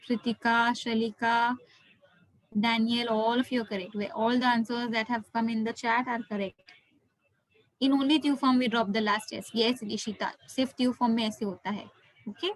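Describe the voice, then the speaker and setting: A French teacher with an Indian accent leads an interactive online class, encouraging her students, praising them generously, and often repeating herself. Her voice is on the high side, and the recording is rough.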